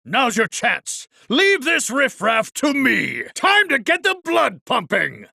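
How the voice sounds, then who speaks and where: A man's voice: very high-pitched, huge pitch swings, takes it slowly, vocal fry, bright, forceful tone, husky, no echo, studio quality, heavily acted. An actor playing a flamboyant, vain, muscle-bound amusement park director in a video game, with a grandiose showman's manner and formal, flowery diction. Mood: boastful, exuberant. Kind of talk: theatrical video game voice acting.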